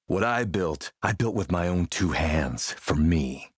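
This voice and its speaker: A smooth, menacing military warlord and arms dealer, the villain of an action role-playing game, speaks slowly with calculated polish in acted game dialogue. His commanding, husky voice sits on the low side, with lively intonation and a heavily acted, suave threat, yet his mood stays measured and businesslike. The recording is close and dry with no echo.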